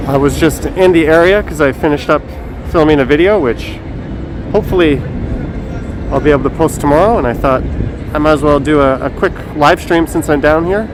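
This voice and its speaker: A man chats casually and haltingly on a live stream, speaking through a face mask. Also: a little high. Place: outdoors in a windy downtown city square. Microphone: phone on a gimbal. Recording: noisy windy city street, traffic.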